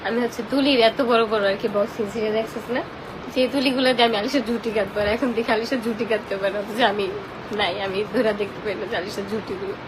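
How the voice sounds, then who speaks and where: A young woman talks very quickly through snotty, tearful crying. Her voice sits fairly high as she shares personal feelings in a casual live chat. There is clear background noise behind her. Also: fairly even intonation. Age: young adult. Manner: emotional, tearful, snotty crying while talking. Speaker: social media live streamer reading and answering viewers' comments.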